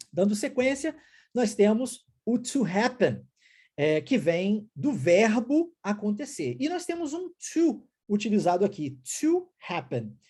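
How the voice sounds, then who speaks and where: A woman's voice: a little high, warm tone, slightly rough. A woman with a Brazilian Portuguese accent teaching an English lesson, explaining step by step and often checking in with the learner. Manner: explanatory, repeats example words, frequent "né?" and "tá?" checks. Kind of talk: recorded language lesson.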